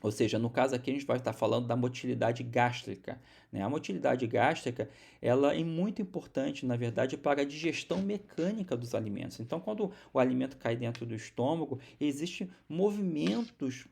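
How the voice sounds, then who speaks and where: A man's voice: medium pitch, lively intonation, a little fast, gravelly, a little mellow, husky. A man from Brazil giving a recorded university biology lecture, explaining step by step with many restarts and repeated words.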